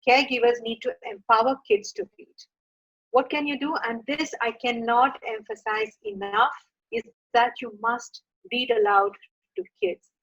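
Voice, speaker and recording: A woman's voice: a little high, animated, moderate pace, creaky, fairly bright tone. A middle-aged woman from India giving earnest advice to parents in a workshop talk, with frequent fillers. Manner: earnest and advising, with frequent uh and you know. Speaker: founder of a children's reading program, workshop speaker. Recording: dull lo-fi sound.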